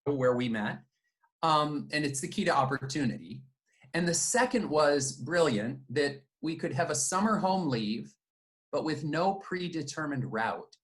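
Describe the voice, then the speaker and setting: A middle-aged man, born in the United States and raised in Japan, telling his life story in a reflective, measured way as an interview guest. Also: a little high, expressive. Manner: reflective, measured, with fillers and restarts. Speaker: guest, company founder and CEO.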